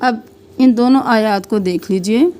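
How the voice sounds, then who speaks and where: A woman teaching Quran recitation with tajweed. She draws out recited syllables slowly, then explains each rule in brief asides. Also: on the high side, dark tone.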